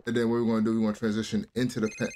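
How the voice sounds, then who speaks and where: A man's voice: on the low side, monotone, racing, mellow. A man hosting a let's play, talking casually in a rambling, slangy way. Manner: rambling, slangy, keeps saying "bro". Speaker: gaming channel host. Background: game music.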